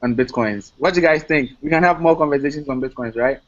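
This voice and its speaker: A man's voice: on the high side, fast talker, a bit bright. A man hosting a casual online discussion, upbeat and friendly, often laughing. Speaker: host. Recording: dull lo-fi online call audio.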